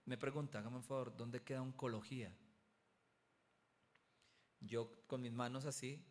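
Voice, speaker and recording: A man, a pastor teaching a theology class and telling personal stories in a lively, preaching manner. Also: medium pitch. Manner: animated storyteller, acts out voices, rises to near-shouting at peaks. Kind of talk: preaching-style lecture with personal testimony.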